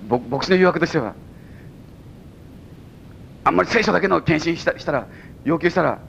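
Animated pastor preaching, Mikawa accent. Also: male voice, fairly quick, creaky, muffled recording, a little hiss or hum. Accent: Mikawa Japanese. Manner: animated preaching with sudden high exclamations and chuckles. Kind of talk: sermon. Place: church service before a congregation.

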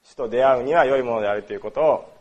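A man's voice: mid-range voice, racing, highs cut off. A man from Osaka preaching a sermon in a conversational way, with many fillers and questions put to the congregation. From Osaka, Japan. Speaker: pastor. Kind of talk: sermon on worship.

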